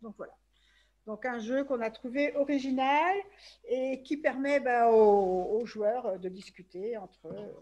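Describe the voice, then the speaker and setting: A woman's voice: a little high, unhurried, a little mellow, muffled recording. A woman presenting a game on an online webinar, walking through the rules step by step over a video call.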